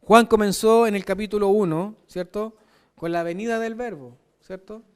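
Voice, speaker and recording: A man's voice: high voice, steady tone, normal speed, a little mellow, smooth. A man with a Chilean Spanish accent preaching a sermon, emphatic and often asking "¿cierto?". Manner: emphatic, frequent rhetorical "¿cierto?".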